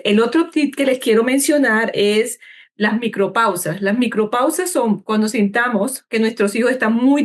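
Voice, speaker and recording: A woman clinical psychologist giving calm, measured advice in an interview, slowing down and stretching words to show how to breathe. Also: mid-range voice. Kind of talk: calm explanatory interview talk.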